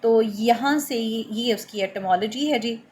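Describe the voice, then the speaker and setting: A middle-aged woman, explaining a lesson in a measured way, with many fillers and English terms. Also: on the high side, a little mellow, a little hiss or hum. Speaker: lecturer. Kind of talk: explanatory lecture.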